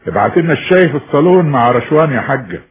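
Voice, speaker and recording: Casting: generous older Egyptian trader, earnest, brisk and lively delivery, radio drama. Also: male voice, a little high. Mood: doting, wistful. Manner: earnest, expressive. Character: kind, pious older male merchant, generous, doting father. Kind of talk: Arabic radio drama acting. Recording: dull lo-fi radio recording.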